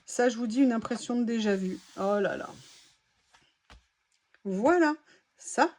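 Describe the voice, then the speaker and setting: A woman's voice: a little high, animated, unhurried, a little mellow. A woman vlogger chatting casually through a craft haul, exclaiming as she reacts to each item.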